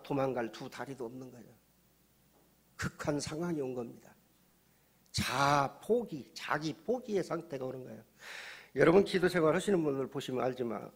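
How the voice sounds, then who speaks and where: A man, a pastor, preaching a sermon, swinging from hushed storytelling to loud shouting and acting out the dialogue of his stories. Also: mid-range voice, husky.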